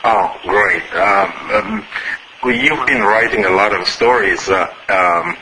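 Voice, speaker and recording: A man's voice: deep voice, slow, a crowd in the background, rough recording. A man hosting a radio interview, introducing his guest and asking questions in a formal, stop-start way. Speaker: radio show host.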